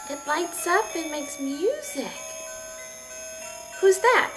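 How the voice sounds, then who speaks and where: A woman's voice: high voice, rough recording. A woman reading picture books to a toddler at home, talking in a sing-song way, asking simple questions and making animal sounds.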